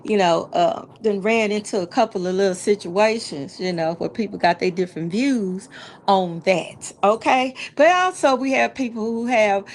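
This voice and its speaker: A woman hosting a casual talk show, chatting in an animated, folksy way and repeating words for emphasis. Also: mid-range voice, moderate pace, slight background noise. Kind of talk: casual live call-in style chat.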